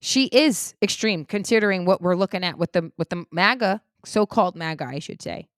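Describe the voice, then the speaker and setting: A woman giving a heated political opinion monologue, indignant, swinging between loud outbursts and low muttering. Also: brisk, no room sound, clean studio sound. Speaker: political commentator.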